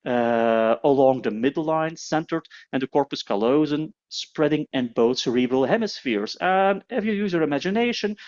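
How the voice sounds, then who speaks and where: Man lecturing fast on radiology. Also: medium pitch, lo-fi sound. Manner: quick, with frequent "uh" fillers. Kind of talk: fast-paced medical lecture.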